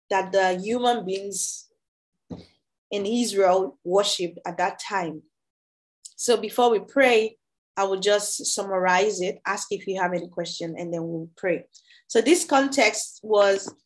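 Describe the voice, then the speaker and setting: A woman leading a Bible study, reading scripture aloud slowly and deliberately before explaining it. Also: mid-range voice. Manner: slow, deliberate reading with pauses.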